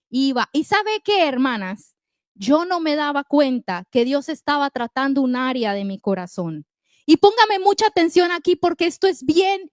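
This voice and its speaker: A middle-aged woman delivers an emphatic, story-driven sermon in a high voice. She speaks directly to her listeners. The recording is dry and close, with no room sound. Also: dry recording. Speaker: preacher.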